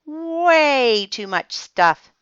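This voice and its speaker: A woman's voice: high voice, very animated, extremely slow, fairly bright tone, no echo, lo-fi sound, voice pushed up, full character voice. A woman as a patient, firm mother. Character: patient, brisk mother of a young girl.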